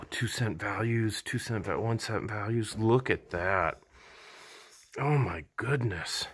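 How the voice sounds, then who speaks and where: A vlogger who picks items for resale roams a big, cluttered indoor warehouse, narrating excitedly in a lowish voice. He's enthusiastic, exclaiming often and thinking out loud as he explores.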